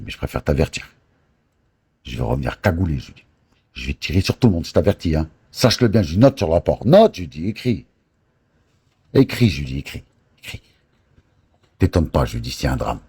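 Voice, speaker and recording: A man telling boastful, crude stories in rough street slang, close to the mic indoors. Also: extremely low pitch, dark tone. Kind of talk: casual storytelling on a live stream.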